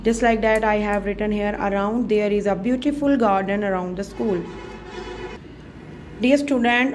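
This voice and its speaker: A woman teacher with a Pakistani English accent, slowly walking students through homework and switching into Urdu to explain. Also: mid-range voice, slight background noise. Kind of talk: recorded homework walkthrough.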